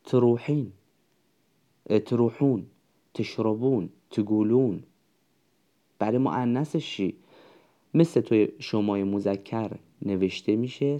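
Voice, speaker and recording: A man's voice: medium pitch, dark tone, lo-fi sound. A man teaching a spoken language lesson, patiently explaining step by step and reading out word lists one by one. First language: Persian.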